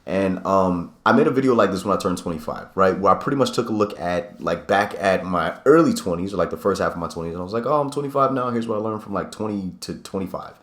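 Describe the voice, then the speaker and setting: Deep-voiced man in his twenties, rambling vlog. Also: fast, hardly any pauses. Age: 20s. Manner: rambling, self-correcting, reflective. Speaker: vlogger. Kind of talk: casual talking-head vlog. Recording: echoey room.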